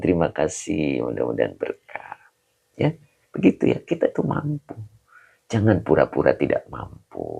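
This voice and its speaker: A man's voice: low voice, creaky, warm tone, husky. A man gives a casual livestream sermon, greeting viewers by name and asking rhetorical questions. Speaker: Islamic preacher reading viewer comments.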